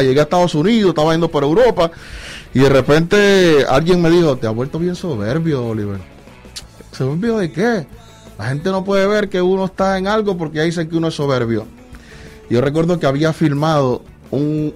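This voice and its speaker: A man, a guest musician, telling a lively personal faith story in a casual interview, acting out dialogue as he goes. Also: fairly high pitch. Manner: animated storytelling, acts out dialogue with God.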